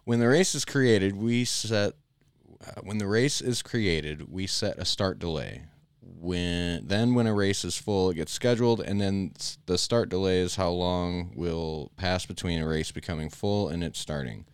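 A man's voice: deep voice, measured pace, smooth, no echo. A man hosting a casual live-stream chat, reading update notes aloud and joking along the way. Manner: reads notes then jokes and laughs. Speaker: podcast host.

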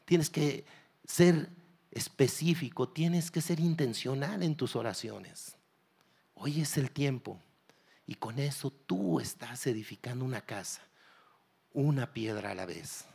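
Male pastor, middle-aged, mid-pitched voice, emphatic exhorting sermon delivery. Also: animated, takes it slowly, gravelly, a little mellow, breathy edge. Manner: emphatic preaching, exhorting listeners directly.

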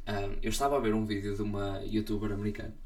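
A man's voice: on the low side, little pitch movement, quick pace, darkish tone. A young man with a European Portuguese accent, defending himself and ranting in a casual podcast chat. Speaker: podcast co-host.

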